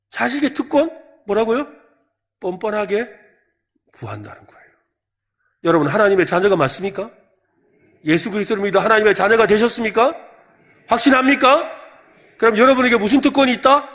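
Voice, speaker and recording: A male pastor with a Gyeongsang Korean accent delivers a sermon, his fairly high voice swinging up and down with lively expression. He keeps pressing the congregation with questions and makes them answer back. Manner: animated, quizzes the congregation with repeated questions. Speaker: senior pastor. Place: church service.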